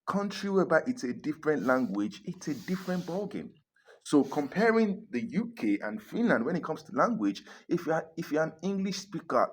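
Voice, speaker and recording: Chuckling frequently and hammering home his points again and again, a male vlogger chats casually to camera about relocating abroad. His voice sits at medium pitch and sounds husky.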